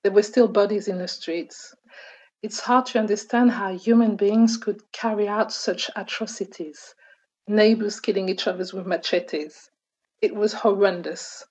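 Husky-voiced woman reading a voice-over. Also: medium pitch, steady tone, unhurried, a little mellow, lo-fi sound. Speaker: voice-over interpreter. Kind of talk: read voice-over translation.

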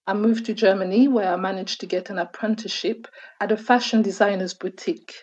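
A woman reading an interview translation as a calm voice-over. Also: mid-range voice, a little fast, slightly rough, muffled recording.

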